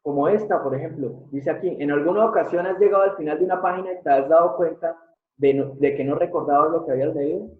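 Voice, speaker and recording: A man's voice: a little high, fast. A man giving a live online lecture, explaining step by step and often putting questions to his audience. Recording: tinny phone-like sound in an echoey room.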